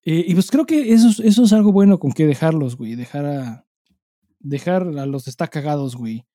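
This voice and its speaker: This Mexican podcast co-host has a brisk, warm, rather high voice, captured as clean studio sound with no echo. In casual chat he swears freely, talks in heavy slang, and speaks with emphasis.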